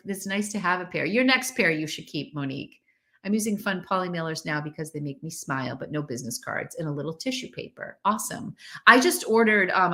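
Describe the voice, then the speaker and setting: Middle-aged woman host, low-ish bright voice, monotone casual live-stream chat. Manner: self-described monotone delivery, chatty with many "like" and "um" fillers. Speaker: reseller and YouTuber hosting a live stream.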